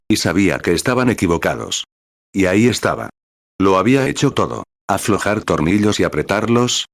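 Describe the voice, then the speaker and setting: A man preaching a sermon in an earnest way, full of rhetorical questions and a measured delivery. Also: low voice, no echo, clean studio sound. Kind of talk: sermon read in translation.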